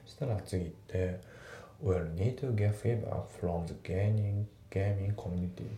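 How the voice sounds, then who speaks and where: A man teaching English grammar in a casual, relaxed way, with many fillers, slowing down to read the English example sentences. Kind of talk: casual spoken lesson. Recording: echoey room with faint rumble.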